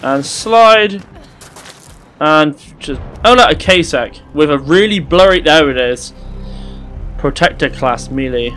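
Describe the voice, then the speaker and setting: A young man commentating his gameplay, joking and swearing with excited outbursts. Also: on the high side, measured pace, faint music behind. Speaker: gaming YouTuber. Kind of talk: let's play commentary.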